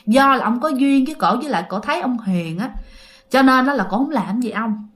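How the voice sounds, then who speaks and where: A woman's voice: on the high side, animated, fairly quick, fairly bright tone. A woman telling a ghost story in a chatty, casual way, speaking to her listeners and repeating herself.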